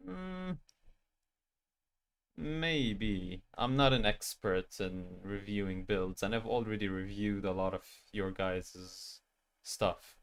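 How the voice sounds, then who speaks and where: A man's voice: lowish voice, slow, clean tone. Youthful-voiced man chatting to his stream. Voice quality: youthful-sounding voice. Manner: rambling and self-deprecating, talking straight to his chat. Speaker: game streamer with an animated avatar. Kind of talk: casual end-of-stream chat.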